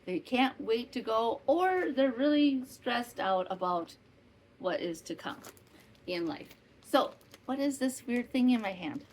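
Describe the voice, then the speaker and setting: A podcast host and maker in her fifties from northwestern Wisconsin in the US Midwest chats casually at home, rambling with asides and self-corrections. Her slightly high voice has lively intonation and an unhurried pace. It's summer, a fan hums faintly, and the recording quality is low.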